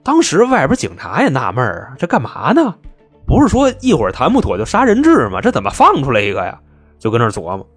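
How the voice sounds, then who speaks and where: A male storyteller, chatty and wry in a colloquial way. His husky voice swings through a wide, animated range, with faint music playing behind. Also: mid-range voice, fast. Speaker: storyteller host. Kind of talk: comic crime storytelling.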